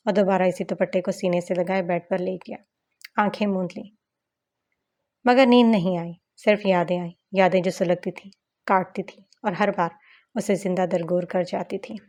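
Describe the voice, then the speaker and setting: A woman's voice: on the low side, fairly even intonation, normal speed, darkish tone. A woman narrating a romance audiobook novel in a flowing, dramatic reading style with occasional stumbles.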